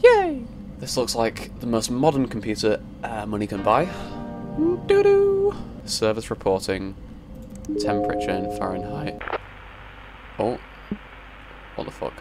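A man's voice: fairly low pitch, steady tone, moderate pace, pauses often, loud music behind the voice. A young man playing a horror game, swearing, jumping at scares and reading the game's text aloud. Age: young adult. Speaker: gaming YouTuber. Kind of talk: horror game let's play commentary.

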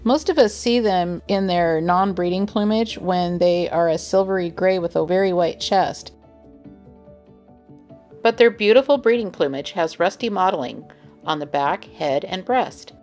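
A woman giving calm, informative scripted narration for a nature vlog, gently enthusiastic as she explains. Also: on the low side, measured pace, soft background music. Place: voice-over, not recorded on the beach.

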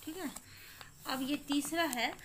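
A woman's voice: sits high, slow pace, fairly bright tone, slight background noise. A woman teacher giving a recorded lesson to young children, explaining step by step and asking questions she answers herself. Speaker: primary school teacher.

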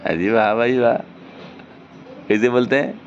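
A man's voice: mid-range voice, unhurried. A man, chatting with a small child in a home video and coaxing them with simple repeated questions. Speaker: family member talking with a toddler. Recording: muffled home video with background noise.

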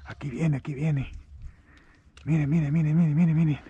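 Excited fishing vlogger. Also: male voice, a little high, moderate pace, breathy edge, lo-fi sound. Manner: animated, shouts when a fish bites. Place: outdoors on a boat in an estuary.

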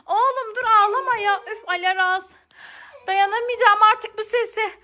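A woman with a very high, bright, ringing voice plays a frazzled mother in a family comedy skit. She fusses and pleads, repeating herself in an exasperated way. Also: measured pace. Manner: exasperated, fussing, keeps repeating pleas.

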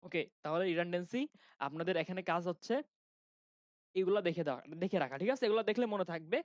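A fairly quick, high-voiced young man with a Khulna Bangla accent teaches grammar in a conversational classroom manner. He keeps asking students questions and rephrasing mid-sentence. No echo is heard, and the sound is dry and slightly dull.

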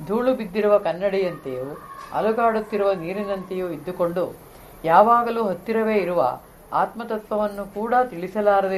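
A man reading a commentary aloud in a steady, formal way. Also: high-pitched, rough recording.

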